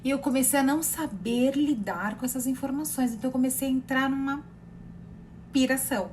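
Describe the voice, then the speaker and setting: A woman's voice: high-pitched, brisk, a little hiss or hum. Chatty Brazilian woman recounting experiences. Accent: Brazilian Portuguese. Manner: rambling, animated, many fillers and repetitions. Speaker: therapist sharing personal experience. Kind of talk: casual personal storytelling.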